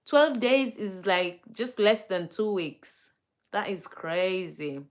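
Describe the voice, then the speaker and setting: Chatting casually on her livestream, a Kenyan-accented woman greets viewers and reads out their comments, using lots of fillers and restarting sentences. She has a medium-pitched, animated voice and speaks slowly.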